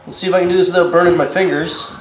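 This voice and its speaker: Talking very fast in a high, steady voice, a man in his thirties with a head cold warns his camera indignantly during a casual vlog in his home kitchen. A camera mic at short range catches the echoey room and some faint noise.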